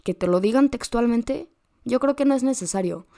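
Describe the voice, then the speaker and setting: Speaking at a normal speed, this woman hosts a podcast and gives motivational advice straight to the listener in direct, slangy terms. She has a Mexican Spanish accent, and her slightly high voice carries a dark tone.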